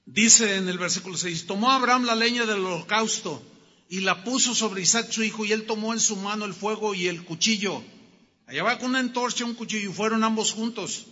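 A man with a high, very bright and cutting voice preaches a sermon and retells a Bible story, hammering his key words again and again. His voice rings with a long echo in a church hall. The recording sounds dull and lo-fi. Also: a little fast. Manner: emphatic, repeats key words.

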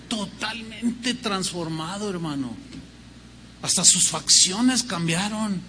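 An older male pastor preaches with a high, bright, ringing voice. He tells stories and acts out both sides of conversations, then builds rhythmic lists of words. The sound carries a long reverb from a church hall. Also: a little hiss or hum. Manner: storytelling preacher acting out quoted dialogue, rhythmic lists. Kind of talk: sermon.

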